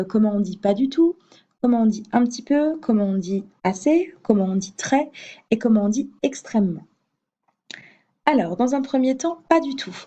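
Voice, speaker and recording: A woman's voice: on the high side, warm tone, lo-fi sound. A woman teaching an English grammar lesson in French, patient, with fillers and hesitations, repeating each example twice.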